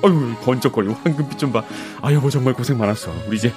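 A man's voice: mid-range voice, rapid-fire, music in the background, lightly acted. A man playing a meek, apologetic peasant husband in a comic fairy-tale audio drama, fussy and whining. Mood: fussing, urgent.

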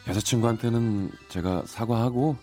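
A man's voice: medium pitch, normal speed, warm tone, faint music behind. A man hosting a podcast, reading a listener's story and chatting in an easygoing, agreeable way. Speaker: podcast host. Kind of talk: casual chat and story reading.

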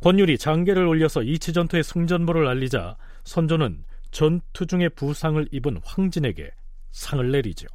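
A man's voice: a little high, expressive, moderate pace, a little mellow, dry recording, studio quality. A man hosting a history programme, explaining events in a storytelling narration.

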